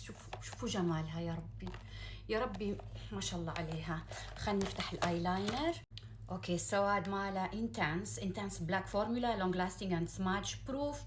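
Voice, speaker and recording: A woman with a Gulf Arabic accent chatting casually to viewers as a beauty vlogger, gushing and excitable, mixing in English words. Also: medium pitch, background noise. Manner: excitable, gushing, drawn-out exclamations; sprinkles in English words and phrases. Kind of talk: casual unboxing chat to viewers.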